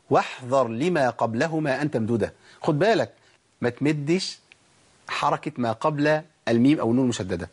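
Quick-talking Egyptian man teaching recitation. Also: mid-range voice, a little mellow, slightly rough. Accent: Egyptian Arabic. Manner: explains with quick rhetorical questions, then chants slow drawn-out recitation examples. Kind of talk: Egyptian colloquial tajweed lesson.

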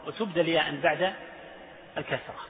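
A man's voice: on the high side, brisk, slight background noise. A man teaching a classroom lesson on the rules of Quranic recitation. He repeats his examples, chants verses and asks his students questions. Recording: echoey hall over a tinny, lo-fi line.

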